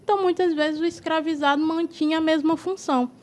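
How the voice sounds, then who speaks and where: A woman's voice: very high-pitched, fairly even intonation, brisk, a little mellow. A woman northeastern Brazil, a guest on a studio talk show, explaining history at length in a lecturing way and often ending with "né". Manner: lecturing, frequent tag "né".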